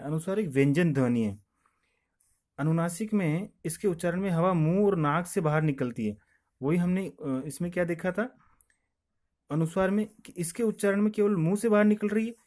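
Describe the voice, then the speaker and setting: A man with a high, somewhat dark voice teaches grammar at a slightly quick pace. In this classroom-style explanation, he goes over each point twice and poses questions that he answers himself.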